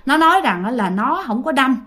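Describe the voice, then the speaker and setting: A woman's voice: high-pitched, very animated, a little fast, a bit bright. A woman voicing a worried, distraught mother in a spoken ghost story.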